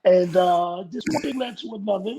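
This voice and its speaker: A middle-aged man with a raspy voice, chatting casually as an interview guest, rambling and laughing as he tells stories. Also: high-pitched, normal speed, mellow, a little hiss or hum, rough recording. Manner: laid-back, rambling storyteller who laughs often. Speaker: guest actor.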